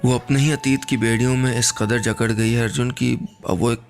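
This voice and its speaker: A man voicing a gentle, emotional young married woman in a radio story, speaking softly and with feeling. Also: medium pitch, steady tone, a little fast, soft background music, close to an everyday voice.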